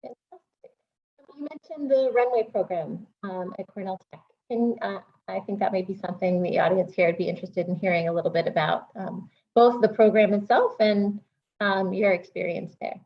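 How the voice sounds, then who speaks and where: A woman's voice: medium pitch, normal speed. Woman running an interview, friendly, lots of ums, kinda muffled sound. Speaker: interviewer, director of research. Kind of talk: video call interview.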